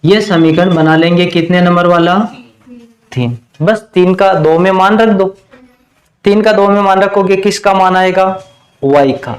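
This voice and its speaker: A man with a Hindi accent teaching a math lesson at the board, asking the class questions and then answering them himself, and slowing down to dictate equations. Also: sits high. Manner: slows down while dictating equations.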